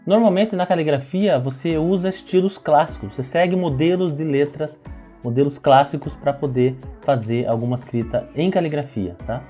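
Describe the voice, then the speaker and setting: A man's voice: a little high, moderate pace, warm tone, faint music behind. A Brazilian man with a Brazilian Portuguese accent, teaching lettering and explaining while he demonstrates, often checking in with the listener.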